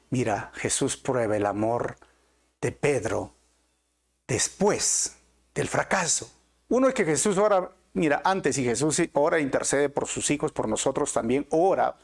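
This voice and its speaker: A man's voice: mid-range voice, creaky, darkish tone. A middle-aged man preaching a sermon as pastor, earnest with rising and falling emphasis.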